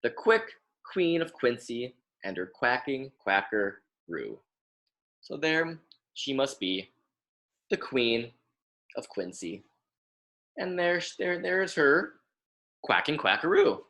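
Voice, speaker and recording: This grad student's voice is mid-range as he teaches by reading a kids' book aloud. The young American man goes slowly and speaks plainly, his pitch swinging widely and expressively, and he repeats and emphasizes words for the children.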